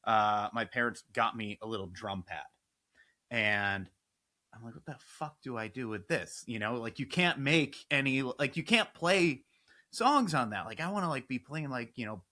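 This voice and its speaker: A man, a filmmaker and musician, telling stories as an interview guest in a lively, rambling way, full of fillers and restarts. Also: medium pitch, normal speed. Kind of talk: casual interview storytelling.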